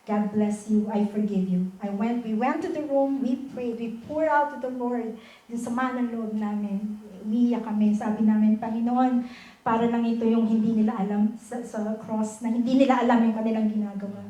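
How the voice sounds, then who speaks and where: A woman with a Filipino accent shares an earnest, pleading testimony at a worship service. Her voice sits a little high. It carries from some way off the mic in a roomy, echoing church hall. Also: fairly even intonation, normal speed, mellow. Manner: switches between Tagalog and English, earnest and pleading. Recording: echoey church hall, voice from far off.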